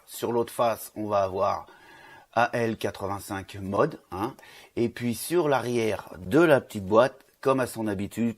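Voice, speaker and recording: A man, chatting casually through an unboxing review with lots of fillers and restarts. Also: on the low side. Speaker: vape reviewer.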